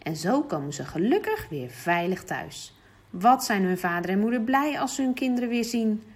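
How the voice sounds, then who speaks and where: A woman reads a children's bedtime story aloud in an expressive storytelling manner. Her voice swings lively up and down and has a breathy, airy quality. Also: mid-range voice, moderate pace. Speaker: narrator.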